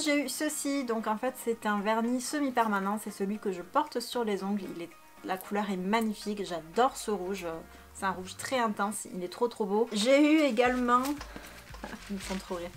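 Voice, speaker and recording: A young woman talks into a studio microphone in her bedroom, chatty and bubbly with a self-mocking streak. Her voice sits at an ordinary middle pitch, and she fills her sentences with little hesitations. Faint music plays softly behind her. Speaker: vlogger. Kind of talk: casual chat.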